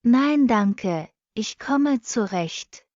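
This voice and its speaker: A woman reading short practice sentences for a language lesson, saying each one twice, slowly and evenly. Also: on the high side, lively intonation, darkish tone, dry recording. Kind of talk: slow repeated phrase reading for learners. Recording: dull lo-fi dry recording.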